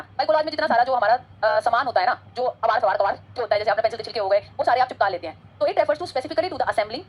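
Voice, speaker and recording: A woman's voice: on the high side, husky. A woman teaching an exam-prep lecture, chatty and code-switching between Hindi and English.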